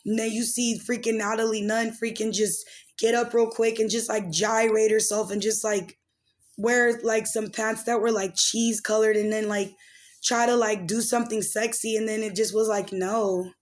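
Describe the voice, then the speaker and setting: Here the same kind of host, a late-twenties woman, chats casually about gossip and her own life, drifting along in slangy talk crowded with fillers. She speaks at a normal speed in a level tone, with a voice on the high side.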